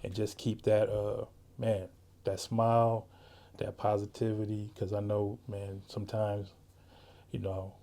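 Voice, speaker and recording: A man hosting a podcast interview, talking in a relaxed, easygoing way and often saying "man" and "you know". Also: fairly low pitch, unhurried, vocal fry. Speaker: podcast host; works with juvenile youth. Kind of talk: casual interview chat.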